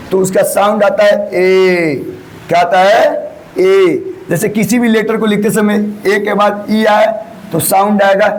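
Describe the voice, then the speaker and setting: A man's voice: high voice, rough recording. A man teaching English pronunciation, drilling word lists and repeatedly addressing students as children. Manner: repeats word lists, calls listeners beta ji. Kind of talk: classroom-style pronunciation lesson.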